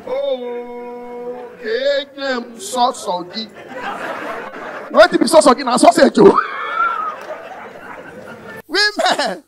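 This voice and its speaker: A man with a Nigerian accent doing stand-up comedy in Pidgin and English on a cinema stage. He talks loud and punchy, shouts his punchlines and slips into the voices of the people in his stories. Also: extremely high pitch. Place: cinema hall stage with a live audience. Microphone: handheld mic. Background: audience laughter.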